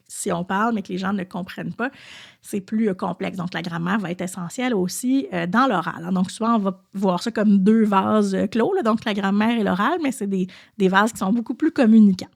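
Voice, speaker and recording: A woman's voice: medium pitch, normal speed, vocal fry. A woman with a Québécois French accent, a podcast host and French teacher, explaining at an easy pace and thinking aloud with frequent hesitations.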